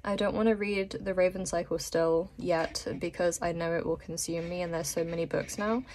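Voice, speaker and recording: A woman's voice: lowish voice, steady tone, moderate pace, darkish tone, slight background noise. Chatty woman, under the weather. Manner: chatty, rambling, many ums and laughs. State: sick and a bit weak. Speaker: vlogger. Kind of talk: casual chat to camera.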